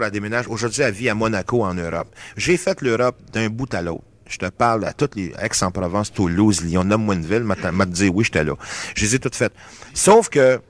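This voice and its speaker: A Canadian singer with a Québécois accent, talking in a loose, rambling way and slipping English phrases into his French during an interview. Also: fairly low pitch. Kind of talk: casual interview talk.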